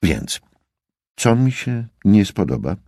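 A man's voice: lowish voice, big pitch swings, slow pace, mellow, no room sound, pitched above the performer's own voice, full character voice. A man voicing a sarcastic, exasperated woman detective. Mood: dry. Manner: dry, sarcastic.

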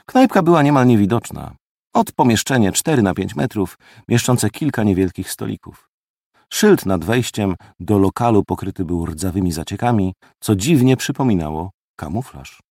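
A male audiobook narrator tells a first-person story with expressive, lively intonation. His voice sits fairly low but moves through a wide pitch range. The recording is dry and close, with no room echo. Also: moderate pace, creaky.

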